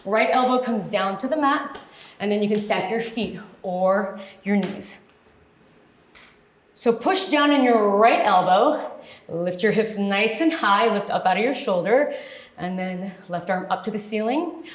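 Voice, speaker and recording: A woman's voice: medium pitch, expressive, a little slow. A woman working as an aerobics instructor, leading a workout with short, encouraging, directive cues and counted-out moves. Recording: echoey, roomy sound.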